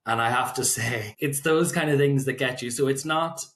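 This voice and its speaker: A man's voice: medium pitch, moderate pace, a bit bright. A man with an Irish accent giving conversational interview answers as an expert, explaining point by point. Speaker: solicitor, guest expert.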